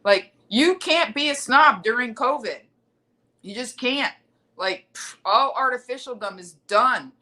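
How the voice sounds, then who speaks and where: A middle-aged woman comedian hosting her own livestream, telling self-mocking road stories in a casual, animated way and acting out the people she quotes. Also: fairly high pitch, a little slow. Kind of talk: casual storytelling monologue. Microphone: livestream webcam mic.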